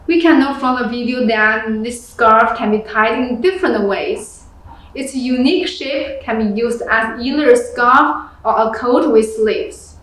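A woman's voice: on the high side, measured pace. Young woman in a very echoey room. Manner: reads a script, plain and steady, with non-native phrasing. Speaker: product presenter. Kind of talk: reading a product review script. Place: small room indoors. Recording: very echoey room with background music.

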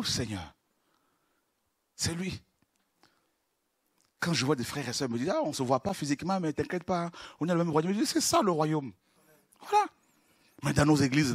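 A man preaching a sermon, moving from low, confiding talk to shouted praise. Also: no echo, clean studio sound.

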